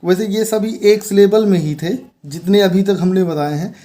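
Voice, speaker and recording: A man's voice: high voice, normal speed, mellow. A man teaching an English grammar lesson, explaining patiently and repeating key words as he points things out on a board.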